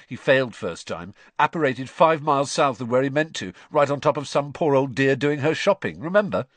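A man's voice: medium pitch, animated, a little fast, no echo, voice pushed up, lightly acted. A man voicing a cheeky, sometimes grumpy teenage boy, one of a pair of twins.

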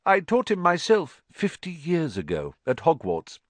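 A man voicing a wise, gentle old headmaster who speaks in a measured way. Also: on the high side, huge pitch swings, no room sound, voice pushed up.

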